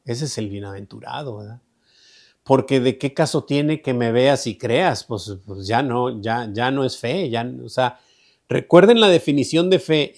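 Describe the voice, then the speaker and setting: Man, mid-pitched, leading a Bible study, chatty teacher. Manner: conversational, repeats himself, asks "¿verdad?" often. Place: online group meeting.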